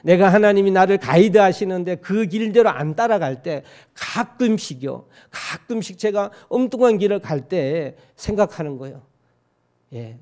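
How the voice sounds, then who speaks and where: A man's voice: high-pitched, a little mellow. A man from Korea's Gyeongsang region preaching a sermon in a church, folksy and joking, often asking his congregation questions. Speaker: pastor. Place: church sanctuary.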